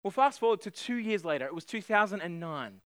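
High-voiced man preaching a sermon. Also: lively intonation, brisk, no echo, clean studio sound. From Australia. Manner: storytelling with self-deprecating humor. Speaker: pastor.

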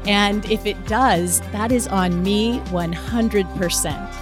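A woman telling a personal story in a casual, animated way, with vivid retelling. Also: mid-range voice, takes it slowly, over music. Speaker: storyteller guest.

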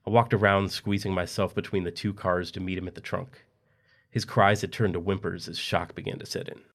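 Male narrator, low voice, steady scripted storytelling. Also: brisk.

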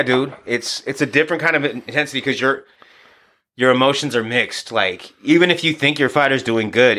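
A man in his thirties, once a DJ and now a boxing coach, chats casually on a podcast, swearing freely as he tells stories and acts out quick asides. His voice is medium in pitch with a sharp tone.

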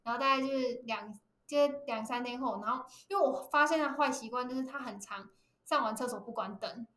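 A woman with a Taiwanese Mandarin accent co-hosts a casual podcast chat, telling stories animatedly and laughing often. Her voice sits high and bright, and she talks quickly. The room has a noticeable echo. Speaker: podcast co-host.

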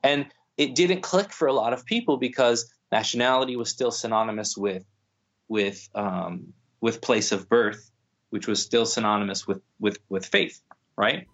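Low-voiced man, halting and thoughtful. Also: fairly bright tone. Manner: thoughtful, many restarts and fillers. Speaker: guest speaking on Islam. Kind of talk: podcast conversation. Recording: dull lo-fi sound.

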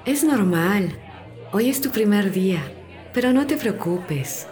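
A woman's voice: medium pitch, faint music behind, some chatter behind. An actress playing a friendly, encouraging female Spanish professor in a scripted audio drama. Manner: encouraging, slow and lively.

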